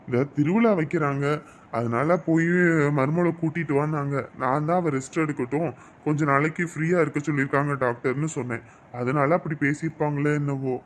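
A man's voice: on the high side, fairly even intonation, a little fast, slight background noise, natural voice. Man playing a devoted, pleading young husband. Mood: soothing. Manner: pleading, reassuring, then grumbling to himself. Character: devoted young husband caught between wife and mother. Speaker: actor in a family drama. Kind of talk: melodramatic web-series acting.

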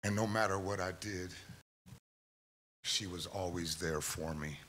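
A middle-aged man giving an emotional eulogy for his mother at a church memorial, halting and telling stories. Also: deep voice, fairly bright tone, slight background noise. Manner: halting, tearful storytelling, quoting his mother. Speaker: eulogy speaker, son of the deceased.

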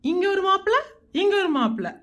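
A woman's voice: very high voice, sing-song, brisk, a bit bright, exaggerated voice. A woman doing a tipsy old father-in-law. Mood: drunk doting. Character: tipsy doting old father-in-law, later a scolding patriarch. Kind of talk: Tamil cartoon voice acting.

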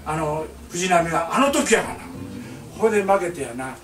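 A man's voice: high-pitched, very animated, normal speed, echoey room, recorded from a distance, over music. An older man with a Kansai accent telling a comic family story, acting out voices and laughing through his lines. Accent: Kansai Japanese. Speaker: painter telling stories to a small audience.

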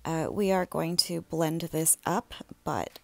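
A woman in her thirties talks through a home recipe in a relaxed, chatty way, as if to a friend. Her voice sits a little low, with a gravelly edge of vocal fry. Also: slow pace, dry recording. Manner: relaxed, chatty, with fillers and small laughs. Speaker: home cook vlogger. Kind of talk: casual cooking voice-over.

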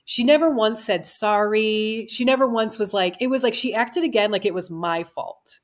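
A woman in her thirties hosting a podcast, chatting casually and telling a personal story with animated asides. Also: mid-range voice, normal speed. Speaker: podcast host. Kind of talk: casual interview chat.

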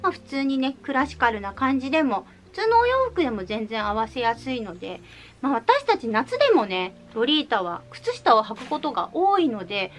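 A woman's voice: on the high side, big pitch swings, moderate pace, a bit bright, a little hiss or hum. A woman chatting cheerfully in a casual haul video, showing off things she bought with playful little reveals. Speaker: vlogger showing recent purchases.

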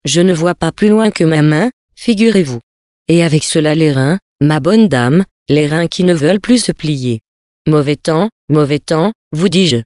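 A sly old beggar, low and mock-humble, as a reader puts him on. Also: darkish tone, no room sound, clean studio sound, close to an everyday voice. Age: older. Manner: slow, mock-humble, teasing. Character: sly, smiling old male beggar, playing dumb. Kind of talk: storybook reading.

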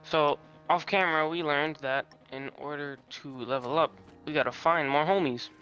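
Bright-voiced, joking gamer guy. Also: fairly high pitch, steady tone, normal speed, muffled recording, faint music behind. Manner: joking, slangy, laid-back. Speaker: game streamer. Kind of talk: casual let's-play chat.

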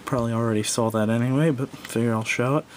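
Talking fast with fairly even intonation, this man reviews a product in his hands without a script, casually rambling, hesitating and backtracking to correct himself. A wooden table indoors is the setting; the home recording is noisy and rumbles low.

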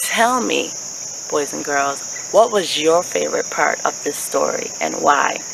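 This Haitian American storyteller, a woman in her thirties, reads a picture book aloud to children in a leafy park, animated and clearly enunciated as she poses questions to them. Her voice sits low and unhurried, with vocal fry. Insects, birds and general outdoor ambience hum steadily in the background.

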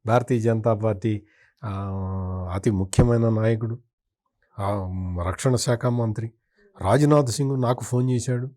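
A man with a warm, mid-pitched voice gives firmly opinionated political commentary in an interview, repeating points as he criticises. He talks a little slowly with fairly even intonation and long pauses.

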